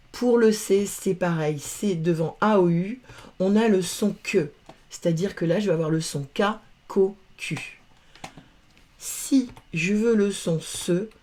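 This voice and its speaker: Slow, patient grammar teacher, woman. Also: mid-range voice, mellow. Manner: patient, spells out letters and sounds. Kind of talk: slow, careful grammar lesson.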